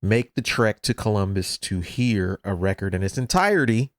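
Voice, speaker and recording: A man in his forties hosting a casual podcast chat, laid-back and quick to laugh. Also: fairly low pitch, expressive, dry recording, studio quality. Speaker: podcast host.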